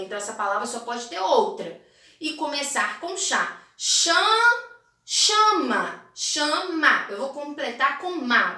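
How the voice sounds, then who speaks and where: Lively high-voiced Brazilian woman teacher. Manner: slow, sing-song, encouraging teacher talk to children. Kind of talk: recorded online class, correcting exercises. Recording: echoey room, mic at a distance.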